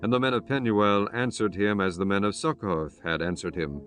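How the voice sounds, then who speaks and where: A man giving a measured, solemn scripted narration of scripture. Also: fairly low pitch, steady tone, fairly bright tone, soft background music.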